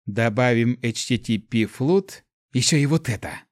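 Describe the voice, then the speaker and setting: A man voicing a hot-tempered dragon elemental in the form of a young girl, shouting and swearing. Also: sits high, sing-song, unhurried, dry recording, studio quality, voice pushed up. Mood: furious.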